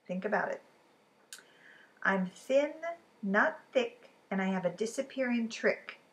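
In her living room at home, a woman in her fifties reads riddle poems aloud for a children's storytime, expressive and deliberate, adding chatty asides to the listeners. Her voice is mid-range, and the room recording is clearly noisy.

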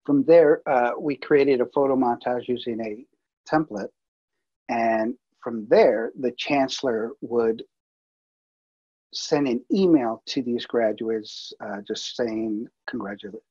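A multimedia producer presents a workflow over slides in a webinar, speaking casually with many fillers and restarts. His medium-pitched voice is dark and husky, and the sound is lo-fi.

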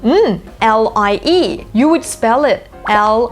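A woman hosting a casual English lesson, switching between Thai and slow, careful English as she explains spelling rules. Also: high-pitched, darkish tone, soft background music. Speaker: English teacher.

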